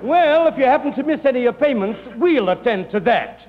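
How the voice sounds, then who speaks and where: Expressive and fairly quick, a very high-pitched man acts out a fussy, oily foreign finance company moneylender for a 1940s radio comedy. He's unctuous and over-polite, speaking formally with mangled foreign grammar. Hall reverb colors the dull, noisy old radio recording.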